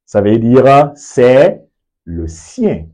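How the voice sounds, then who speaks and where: A man teaching an English lesson in French, drilling words with slow, deliberate repetition and frequent check-ins. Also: mid-range voice, very animated, dark tone, low-quality recording. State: sweaty, just came from the sports field. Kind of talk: video lesson, explaining in French with English examples.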